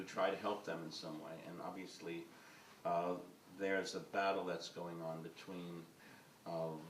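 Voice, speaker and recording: Recorded from a distant mic in a roomy event hall, a man with a low voice takes part in a panel discussion before an audience. He's a film director whose rambling answers are full of hesitations, uhs, and ums, with slight background noise behind him.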